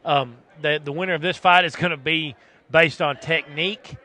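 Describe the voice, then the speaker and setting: A man's voice: a little high, fairly even intonation, normal speed, sharp tone. A man giving conversational analysis as color commentator at a live fight.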